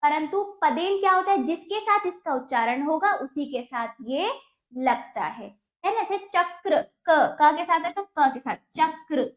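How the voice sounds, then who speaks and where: High-voiced woman teaching children. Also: expressive, unhurried, reverberant, dull audio. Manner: patient, asks pupils questions and answers them. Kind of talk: children's Hindi lesson.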